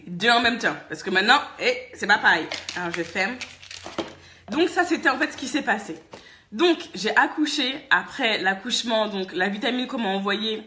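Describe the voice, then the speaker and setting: Bright, chatty French woman vlogger. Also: medium pitch, normal speed, a little hiss or hum. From France. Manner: lively, chatty, laughs often, many fillers. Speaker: vlogger and hair-care business owner. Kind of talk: casual chatty story time.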